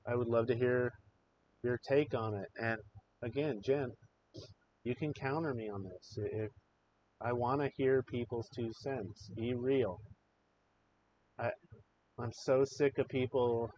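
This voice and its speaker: A man hosts a live stream, delivering opinionated commentary with raw, emotional passion and the odd curse. His voice sits at an ordinary pitch. The audio is a little dull, with a faint hiss underneath. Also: darkish tone. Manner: impassioned, emotional, swears freely. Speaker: livestream show host.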